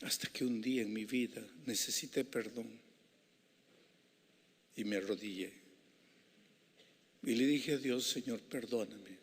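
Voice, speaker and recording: A man preaching an evangelistic sermon, shifting between hushed, intimate passages and impassioned, rising climaxes. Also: medium pitch, a little slow, pauses often, husky. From Peru. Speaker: pastor. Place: large civic center hall. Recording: reverberant civic hall.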